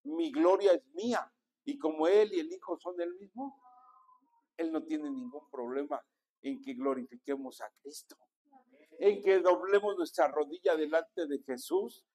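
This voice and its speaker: A Mexican pastor preaching a sermon in a notably high voice. He speaks at an unhurried, deliberate pace and keeps calling on the congregation to answer and repeat his words. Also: big pitch swings, darkish tone. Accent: Mexican Spanish. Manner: preaching with call-and-response to the congregation.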